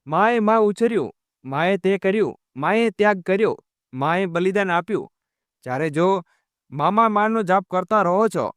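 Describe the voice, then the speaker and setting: A bitter, quarrelsome young wife who taunts her husband , voiced by a man reading the story. The voice is smooth and clear, pitched fairly high, and recorded dry and close. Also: lively intonation, normal speed, dry recording. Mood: taunting. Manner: scolding, taunting.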